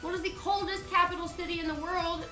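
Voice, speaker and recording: Her voice is very high and fairly flat in pitch, and she talks at a quick clip. She hosts a laid-back live-stream trivia game, reading out questions before slipping into giggly, chatty banter with her co-host, all in an echoey room with faint music playing.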